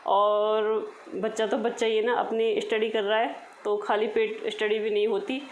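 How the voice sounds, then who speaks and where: A woman's voice: fairly high pitch, level tone, normal speed, a little hiss or hum, poor audio. A woman in her thirties chatting casually to viewers in a home vlog, talking to them directly. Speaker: vlogger.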